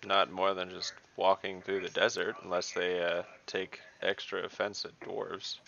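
Deep gravelly-voiced male player. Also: completely flat delivery, a little slow, pushed and bright, muffled recording, a little hiss or hum. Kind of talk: casual tabletop chat.

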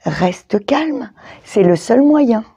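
A woman voicing a calm, reassuring young dinosaur friend in a storybook. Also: a little high, very slow, husky, exaggerated voice.

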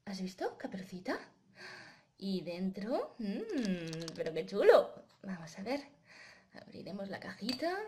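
A woman from telling a children's story with clay puppets, gentle and slow. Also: medium pitch, sing-song. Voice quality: gentle, slow, sing-song.

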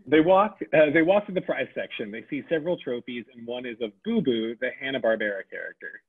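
At a comedy table read, a man reads the stage directions aloud, amused and laughing between lines. His medium-pitched, slightly rough voice moves fairly quickly. The recording sounds tinny, like a phone.

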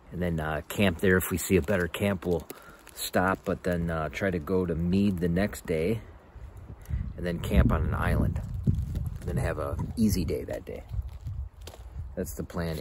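A man on a canoe trip, chatting casually outdoors in a relaxed, halting way. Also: deep voice, a little hiss or hum. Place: outdoors on a lake in the woods.

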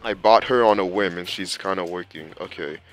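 A man's voice: low-pitched, fairly quick. A young man giving casual, rambling gameplay commentary as a channel host, exasperated and slangy. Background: faint game music.

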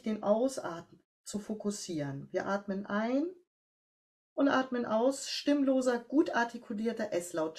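A woman with a German accent who works as a voice coach, giving slow, calm step-by-step instructions in a breathing and posture exercise. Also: a little high.

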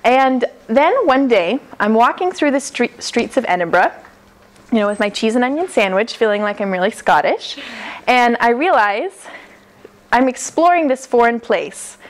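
A woman's voice: on the high side, animated, moderate pace. A young American woman telling a personal story live, chatty and laughing often, acting out the quoted lines, heard from a camera across an indoor hall. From United States. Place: classroom-style hall, indoors. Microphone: far camera.

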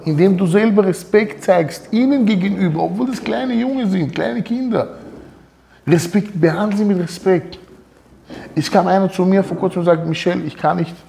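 A man's voice: high voice, moderate pace, vocal fry, a little hiss or hum. A man giving an informal Torah talk, telling personal stories and acting out the dialogue in them. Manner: animated, acts out quoted dialogue. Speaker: Torah teacher.

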